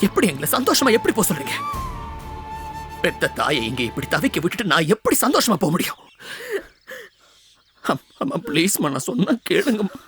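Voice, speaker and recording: A pleading, anxious son. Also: male voice, high-pitched, fairly bright tone, exaggerated voice. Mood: desperate. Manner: pleading, urgent. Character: anxious grown son pleading with his mother. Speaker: son in a TV serial. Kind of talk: TV serial acting.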